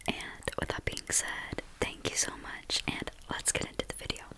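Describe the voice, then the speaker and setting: A woman host doing a calm, casual ASMR ramble in a soft, breathy whisper, close to the microphone. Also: moderate pace.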